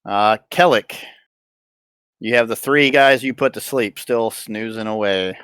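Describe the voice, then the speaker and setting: A man narrating a tabletop game as dungeon master, relaxed and laughing between rulings, over online voice chat. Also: fairly low pitch, measured pace, smooth, no echo.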